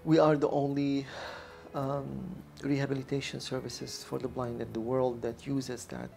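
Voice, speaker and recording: A middle-aged man, an instructor, speaking reflectively in deliberate, halting phrases into a lapel mic. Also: medium pitch, little pitch movement, gravelly, darkish tone, slight background noise. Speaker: vision rehabilitation instructor. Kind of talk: reflective interview talk and narration. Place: small office.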